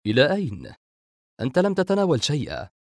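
A man voicing a gentle, wistful eldest brother and father in an audiobook. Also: on the low side, quick pace, no room sound, clean studio sound, natural voice. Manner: wistful, soft-spoken. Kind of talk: audiobook character voice.

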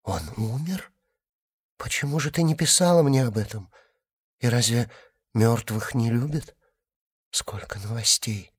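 A man's voice: medium pitch, unhurried, long pauses, husky. A man voicing a tearful, desperate young wife who has been abandoned, pleading between sobs. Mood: shocked, sobbing. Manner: sobbing, pleading, breathless outbursts.

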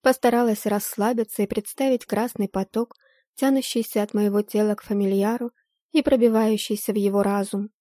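A woman narrating a fantasy audiobook in the first person, with expressive, steady storytelling. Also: medium pitch, fairly quick, no room sound, studio quality.

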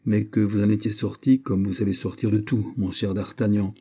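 A man voicing Aramis, an aging, subtle and wary bishop, in an audiobook reading, with a smooth, probing, mildly ironic manner. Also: fairly low pitch, little pitch movement, normal speed, mellow.

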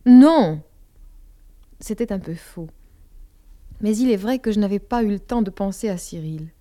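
A woman reads a novel aloud in a measured, intimate way, her voice mellow and dark in tone. Now and then she sinks into a hushed whisper. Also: medium pitch. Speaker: audiobook narrator. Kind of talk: scripted narration.

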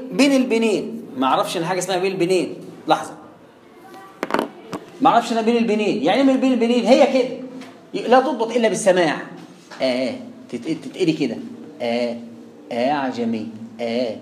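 Fast-talking Egyptian man teaching in an echoey room. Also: high-pitched. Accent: Egyptian Arabic. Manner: asks and answers his own questions, drawing out sounds to demonstrate. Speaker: Quran recitation teacher. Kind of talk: classroom lesson on recitation rules. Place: classroom with students. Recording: echoey room with faint background hum.

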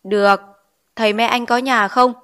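A woman's voice: on the high side, steady tone, normal speed, fairly bright tone, smooth, close to an everyday voice. A woman reading as a stern old schoolteacher. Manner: scolding, probing questions. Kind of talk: audiobook character reading.

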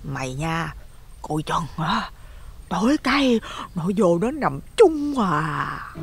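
Brief: man as nosy village gossip, 60s, husky, animated storybook voice. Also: high voice, unhurried, pitched above the performer's own voice, exaggerated voice. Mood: spooky. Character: gossipy plump village woman in her sixties, loud, nosy.

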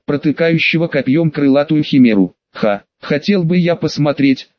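Male audiobook reader, first-person, a bit higher voice, dull dry recording. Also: moderate pace, no echo. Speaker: audiobook narrator. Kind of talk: scripted audiobook narration.

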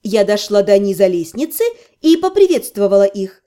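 A woman giving an expressive, animated first-person audiobook reading. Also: mid-range voice, moderate pace. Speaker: audiobook narrator.

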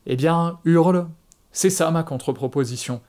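A man's voice: on the high side, a little mellow, pitched above the performer's own voice, close to an everyday voice. A man doing a cold, mocking avenger. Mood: taunting. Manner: mocking, unhurried. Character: calm, coldly vengeful man taunting his captive.

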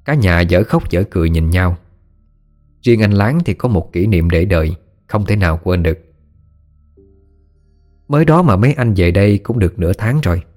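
Low-voiced storyteller. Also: male voice, animated, moderate pace, long pauses, darkish tone, soft background music. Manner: storytelling, folksy. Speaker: narrator. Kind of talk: ghost story narration.

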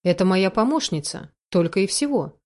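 A woman's voice: medium pitch, big pitch swings, moderate pace, darkish tone. A woman voicing a pleading young man. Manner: earnest and pleading.

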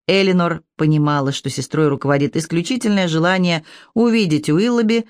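Measured audiobook narrator, mid-pitched, dry close sound. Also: no echo. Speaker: audiobook reader.

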